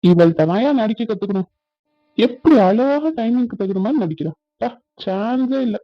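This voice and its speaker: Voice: medium pitch, lively intonation, normal speed, dry recording, natural voice. A performer voicing a sarcastic, muttering young husband in a cartoon. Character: grumbling, cold-hearted young husband. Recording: dull, dry lo-fi sound.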